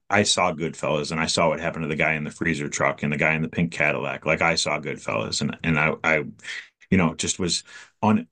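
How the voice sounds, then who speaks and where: Low-voiced man telling a story. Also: fairly bright tone. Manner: conversational storyteller who acts out dialogue, halting with restarts. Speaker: person sharing a recovery story. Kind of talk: personal storytelling.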